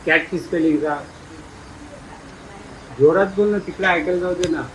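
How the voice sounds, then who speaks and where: A man playfully quizzing schoolchildren, coaxing and teasing them and urging them to speak louder. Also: a little high, moderate pace, slight background noise, rough recording. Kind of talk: playful classroom questioning.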